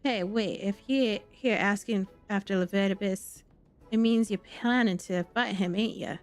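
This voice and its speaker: A woman voicing a boastful, cowardly male sailor with a rough pirate-like drawl, reading game dialogue aloud. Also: mid-range voice, unhurried, soft background music, lightly acted. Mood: fretful. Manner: bragging, then babbling in panic.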